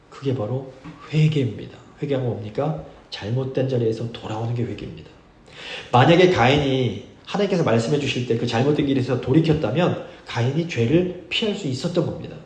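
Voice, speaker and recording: A male pastor giving a sermon, earnest and measured, reading scripture slowly for emphasis. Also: mid-range voice, a little mellow, roomy sound. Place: church sanctuary.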